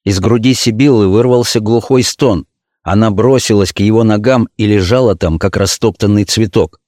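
A man narrating a novel as an audiobook reader, measured and low-key. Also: a little mellow, dry recording, clean studio sound. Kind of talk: scripted narration.

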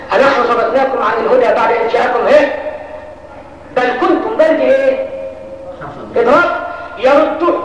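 A man with an Egyptian accent preaching a sermon with fervor, moving between solemn recitation and lively colloquial explanation. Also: very high-pitched, a little hiss or hum. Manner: fervent, mixes Quranic recitation with colloquial explanation. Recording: distant echoey hall, muffled old recording.

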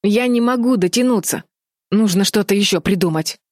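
A woman's voice: medium pitch, normal speed, darkish tone, dry recording, studio quality, pitched above the performer's own voice, lightly acted. A woman voicing a brave young man who strains and calls out with effort. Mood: strained.

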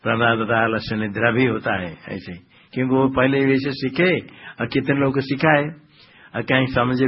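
Husky-voiced swami drilling Sanskrit grammar. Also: male voice, mid-range voice. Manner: quizzing listeners, then answering himself. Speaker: swami teaching the Bhagavad Gita. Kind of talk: discourse explaining Sanskrit grammar and pronunciation. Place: ashram hall. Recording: dull lo-fi lecture recording.

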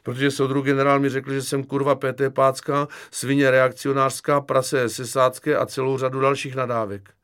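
A man's voice: medium pitch, flat delivery, hardly any pauses, a bit bright, clear, resonant tone, pitched above the performer's own voice, lightly acted. A man voicing a cheeky, stubborn young army private who speaks with stiff formality. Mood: insistent. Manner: earnest, mock-formal, insistent.

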